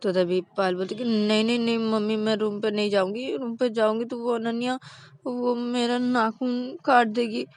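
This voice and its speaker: A woman's voice: fairly high pitch, little pitch movement, normal speed, no echo, pitched above the performer's own voice, natural voice. A woman voicing a young woman who plays hurt, whimpering and pleading.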